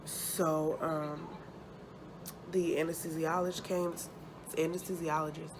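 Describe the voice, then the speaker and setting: A woman vlogger chatting casually and haltingly, sounding sore and uncomfortable after surgery. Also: deep voice, little pitch movement. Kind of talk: casual chat, personal update to camera. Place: hospital room. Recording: noticeable background noise.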